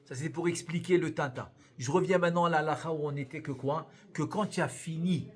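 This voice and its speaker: Male rabbi, lively classroom teacher, slightly high voice, repeats and self-questions. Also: brisk. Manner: animated, repeats key words, asks and answers own questions. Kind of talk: live Torah lesson.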